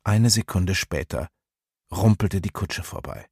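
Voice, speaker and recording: A man narrates a story in measured, even tones and lifts his voice for the tense moments. His voice has a slightly husky grain, and the recording is close and dry with no room sound. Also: deep voice, no room sound. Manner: calm, measured storytelling with raised dramatic moments. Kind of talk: audiobook narration.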